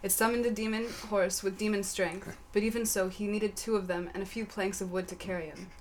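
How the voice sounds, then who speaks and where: A woman reading a comic fantasy story aloud in a matter-of-fact, deadpan way. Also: mid-range voice, a little fast, a little hiss or hum. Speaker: story reader.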